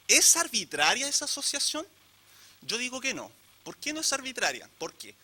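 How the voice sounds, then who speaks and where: A man's voice: sits high, sharp tone. A man giving an academic lecture to a live audience, asking rhetorical questions and turning to the listeners. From Chile. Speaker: conference speaker.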